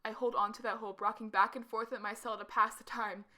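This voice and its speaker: A woman performs a blinded asylum patient telling a horror story in the first person. The voice is on the high side, with a sharp, tense edge. The delivery is hushed, creeping horror from a paranoid mind that stubbornly refuses to give in. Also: flat delivery, brisk. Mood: hushed, wary resolve.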